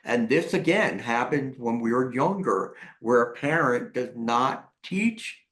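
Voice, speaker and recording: A man's voice: mid-range voice, unhurried. Explanatory male therapist guest. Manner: explanatory, lively, acts out examples. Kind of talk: conversational interview.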